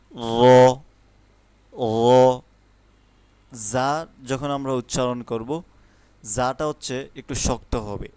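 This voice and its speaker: A man teaching the Arabic letters in an online lesson, explaining each one patiently and then calling it out loudly and drawn out. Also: medium pitch.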